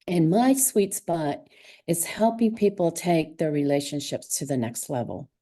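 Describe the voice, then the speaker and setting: American woman coach, low and mellow, cheerful, video call. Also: a little slow. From United States. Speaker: relationship and leadership coach. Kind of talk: online group introductions.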